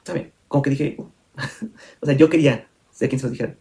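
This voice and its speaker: A man's voice: medium pitch, fairly quick, mellow. A young man telling a personal story in a candid vlog, full of fillers and self-corrections. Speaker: vlogger.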